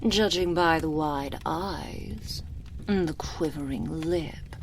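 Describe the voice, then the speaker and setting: A woman's voice: deep voice, slow, a little hiss or hum. A woman playing an imperious, seductive aristocratic vampire lady with wounded pride, in a languid, theatrical ASMR roleplay, close to the microphone and drifting into near-whispers. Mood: seductive, teasing. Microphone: close binaural microphone.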